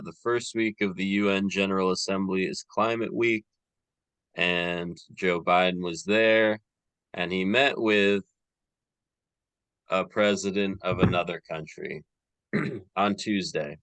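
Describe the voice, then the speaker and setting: A man's voice: low-pitched, slow, clean tone, no room sound. A man hosting a podcast, chatting casually and rambling a little with plenty of fillers. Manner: relaxed, rambling, many fillers. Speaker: podcast host.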